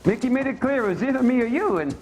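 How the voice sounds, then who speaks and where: An actor playing a bitter, proud, washed-up boxer with a British accent in a crime video game. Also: male voice, very high voice, animated, racing. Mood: bitter, accusing. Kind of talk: dramatic crime game acting. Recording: echoey hall with faint noise.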